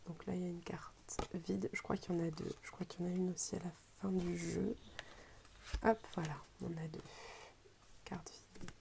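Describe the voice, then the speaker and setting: Soft, mellow French woman, hesitant unboxing chat. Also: fairly low pitch, steady tone, normal speed, creaky, a little hiss or hum. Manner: hesitant, searching for words. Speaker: tarot deck reviewer. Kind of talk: casual unboxing presentation.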